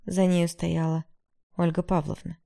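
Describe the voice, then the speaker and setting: A woman reading a first-person novel aloud in a steady, emotive storytelling manner. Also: on the low side, a little slow, gravelly. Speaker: audiobook narrator.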